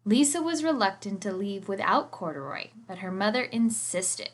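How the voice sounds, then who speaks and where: A woman's voice: medium pitch, lively intonation, normal speed. A woman reading a children's storybook aloud expressively, like a teacher.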